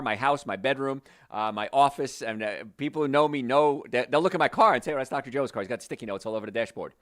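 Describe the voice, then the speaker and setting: Lively-voiced man from New Jersey hosting. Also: mid-range voice. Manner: animated, conversational, direct to listeners. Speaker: health show host. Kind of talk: promotional health podcast talk.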